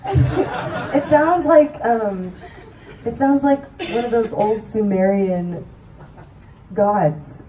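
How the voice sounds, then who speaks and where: A woman's voice: on the high side, crowd noise, background noise. A woman musician singing and bantering playfully between songs at a live venue. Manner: playful, unhurried. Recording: echoey live venue from far off. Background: loud live guitar.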